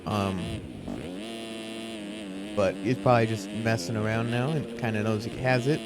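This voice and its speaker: A man's voice: lowish voice, fairly even intonation, measured pace, over loud music. A man giving live motorsport race commentary in an informal, conversational play-by-play style.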